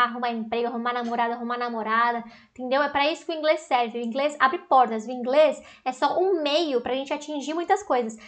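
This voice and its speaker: A woman with a Brazilian Portuguese accent giving an online English pronunciation lesson. She talks in an animated way, puts many questions to the viewers and says English words aloud as models. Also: high-pitched. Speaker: English teacher.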